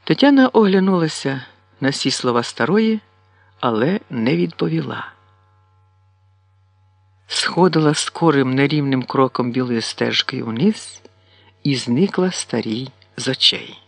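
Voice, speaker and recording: A man reading a classic novel aloud, with measured, expressive narration. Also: mid-range voice, vocal fry, dry recording. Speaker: audiobook reader.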